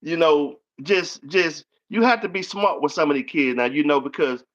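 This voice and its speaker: A man with a slightly high voice and an ordinary pace hosts a relaxed conversation, spinning folksy stories and performing the quotes himself. The recording sounds dull and lo-fi.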